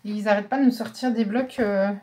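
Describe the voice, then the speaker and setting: A woman's voice: medium pitch, fairly even intonation, brisk, dark tone, slight background noise. Chatty French woman showing papers. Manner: chatty, thinking aloud with fillers and asides. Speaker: craft vlogger showing a haul. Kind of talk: casual show-and-tell.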